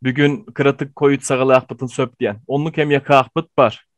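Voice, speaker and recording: A man giving an online language lesson, explaining slowly with frequent pauses and fillers. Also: mid-range voice, level tone, no echo. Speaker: language teacher.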